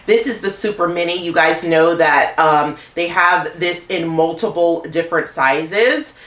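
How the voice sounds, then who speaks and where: A woman's voice: on the low side, unhurried, fairly bright tone, echoey room. A woman talking casually to camera as a luxury handbag YouTuber, chatty and full of "like" fillers.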